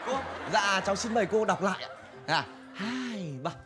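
A man's voice: high-pitched, normal speed, a loud crowd, close to an everyday voice. An actor playing a young man who poses as an English tutor in a radio comedy sketch, with a playful sing-song delivery. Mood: teacherly. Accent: southern Vietnamese.

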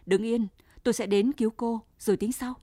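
A woman's voice: a little high, fairly even intonation, a little fast, warm tone, no echo, studio quality, voice pushed up, lightly acted. Woman voicing a brave young prisoner. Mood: firm. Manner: firm, reassuring. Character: young male prisoner, brave and steady rescuer.

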